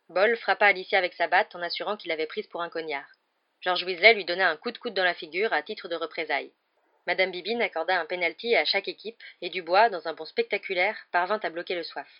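A woman narrating a novel as an audiobook, reading in a lively storytelling manner. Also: lowish voice, highs cut off.

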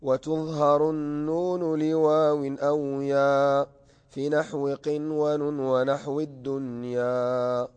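A man chants a line of a teaching poem slowly, in a high, flat, smooth voice. The sound is dull and lo-fi, and it rings with a long hall reverb. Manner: slow, flat, even chant. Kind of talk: chanted recitation of a didactic poem.

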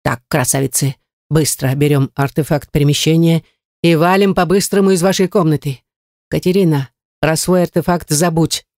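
A woman's voice: low voice, fairly even intonation, moderate pace, darkish tone, no echo, studio quality. A woman reading the lines of a bossy male talking skull who acts as the group's mentor, in a storybook audiobook. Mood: urgent. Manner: gruff commanding outbursts.

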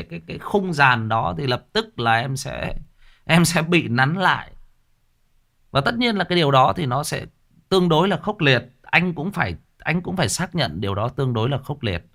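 A man hosting a livestream, giving rambling big-brotherly advice that swings from soft to loud. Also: medium pitch. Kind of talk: casual livestream monologue.

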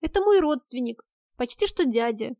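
A woman's voice: high-pitched, lively intonation, normal speed, warm tone, no echo, clean studio sound. A woman reading an audiobook, voicing a blunt, sarcastic female friend who grumbles and mocks. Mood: breezy.

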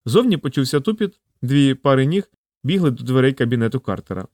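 Male narrator, mid pitch, dry studio sound, even storytelling. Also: fairly quick, no echo. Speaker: audiobook reader. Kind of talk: scripted narration.

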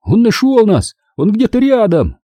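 A man's voice: high-pitched, a little slow, husky, no room sound, studio quality, voice pushed up, heavily acted. A man doing a desperate pleading boy. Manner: excited, pleading.

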